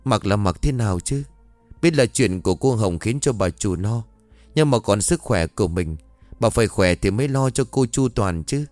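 A loyal, fussy middle-aged maid, voiced by a male storyteller, chiding and reassuring in a low voice. The recording is dry and close, with soft music behind. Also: expressive, normal speed, no echo, natural voice. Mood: fussing, reassuring.

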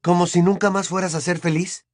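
A man's voice: sits high, level tone, a little fast, no echo, studio quality, voice pushed up, lightly acted. A man voicing an exasperated teenage boy who speaks impatiently and emphatically.

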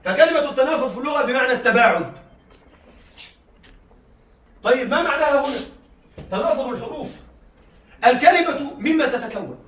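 A man's voice: very high voice, expressive, fairly quick, long pauses, a bit bright. A male teacher giving a classroom lecture, often checking that his students are following. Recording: echoey room, mic far off.

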